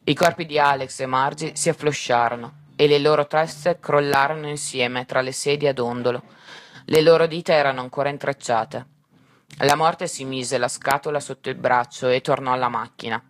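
A man reading a story aloud in a measured, unhurried way. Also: mid-range voice, steady tone, no echo.

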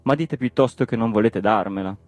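A poor, carefree middle-aged villager, voiced by a male reader, calm and plaintive as he pleads his case. The voice stays close to a plain male reading voice, recorded dry with faint music behind. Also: on the low side, fairly quick, dry recording, natural voice.

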